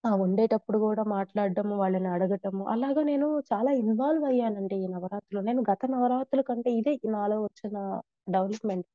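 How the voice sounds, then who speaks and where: A woman's voice: mid-range voice, brisk, dry recording. Woman devotee, earnest testimony, dry close sound, slightly dull. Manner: earnest, devout, with frequent restarts. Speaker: devotee sharing experiences. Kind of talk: conversational testimony.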